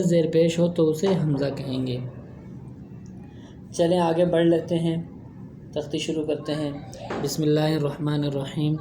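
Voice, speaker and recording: A man's voice: on the high side, mellow, roomy sound, a little hiss or hum. A man with an Urdu accent teaching a Quran reading lesson, patiently drawing out syllables for students to repeat. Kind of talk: slow recitation lesson.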